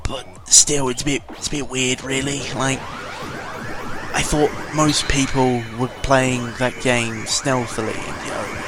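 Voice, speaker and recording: A little slow and level in tone, this medium-pitched British man offers casual game commentary as a gaming vlogger. He rambles, digresses, swears, and corrects himself often, and music runs beneath his voice.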